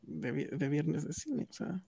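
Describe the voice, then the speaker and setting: A woman co-hosting a casual film podcast, chatting in lively banter. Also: low-pitched, unhurried, creaky, husky, no room sound, studio quality. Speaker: podcast co-host.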